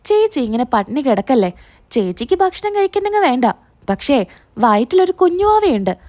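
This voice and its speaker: A woman reading out a gentle young woman, soft and pleading. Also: high voice, sing-song, fairly quick. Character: gentle caring young woman coaxing her sister-in-law.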